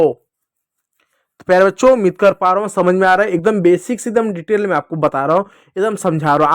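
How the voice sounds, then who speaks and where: A man teaching children, patiently repeating each sound slowly and drawing out the vowels. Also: sits high, smooth, no room sound, studio quality. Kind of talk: Hindi lesson for children.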